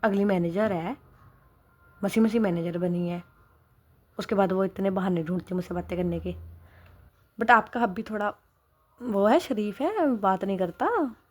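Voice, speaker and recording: A woman narrator putting on a playful young woman, light and teasing. Her voice sits in a middle register and stays bright and chatty, in storybook fashion. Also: mid-range voice, natural voice.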